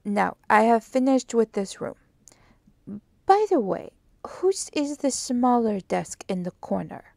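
Woman reading as a fussy older Belgian detective, slow and emphatic, gravelly, dark tone, dry close sound. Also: fairly high pitch, big pitch swings, dry recording, heavily acted. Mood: amused. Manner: slow, emphatic, louder questioning. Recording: dry close audiobook recording.

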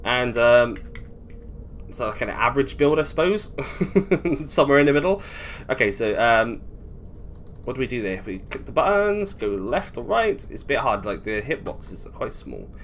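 With a sing-song lilt and a mid-range voice at normal speed, a British gaming host chats loosely through his playthrough, thinking aloud as he goes. Game music plays behind him. There's slight background noise.

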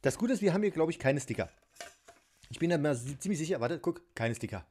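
On the high side and husky with a darkish tone, this man's voice stays animated and quick. He's a toy unboxing vlogger building a set at a home table shot from above. He chats casually, giggles a lot and makes fun of himself.

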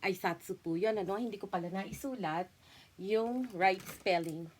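A young Filipino woman teaching a casual language lesson, chatty, and repeating each word slowly for her learners. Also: mid-range voice. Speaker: language tutor.

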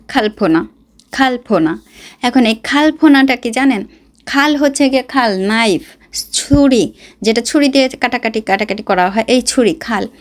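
Woman vlogger, higher voice. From Bangladesh. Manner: explanatory, addresses viewers directly with advice. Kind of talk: casual talk to viewers.

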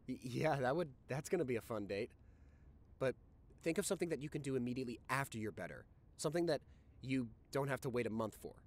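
A young man voicing a caring, anxious boyfriend in an audio role-play, talking softly and reassuringly to his sick partner. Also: medium pitch, lightly acted. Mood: worried coaxing. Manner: soft, soothing, reassuring. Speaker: voice actor reading a listener script.

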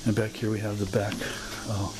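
A man's voice: lowish voice, level tone, noisy background. Man rambling on an outdoor tour. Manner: halting, many fillers and self-corrections. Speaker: video host touring a historic site. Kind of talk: unscripted walking tour narration. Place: outdoors at a historic house, open grounds.

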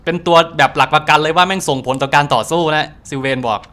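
A man hosting a casual let's-play, chatty and energetic, translating game dialogue and swearing casually. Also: fairly high pitch, fast talker.

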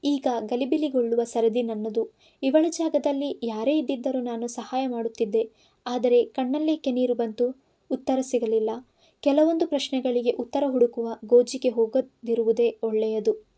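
A woman reading a literary audio story in a measured, scripted narration. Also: on the high side, steady tone, mellow.

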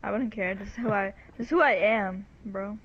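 A woman's voice: medium pitch, brisk. A woman chatting casually while gaming, giving blunt, laid-back replies. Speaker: gamer. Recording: lo-fi voice chat with faint noise.

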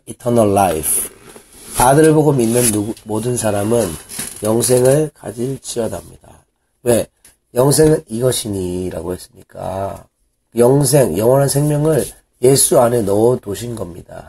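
A man, a pastor, giving a Bible English reading lesson, reading verses slowly and asking and answering his own questions. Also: on the low side, creaky, dark tone, a little hiss or hum. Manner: asks questions and answers them himself.

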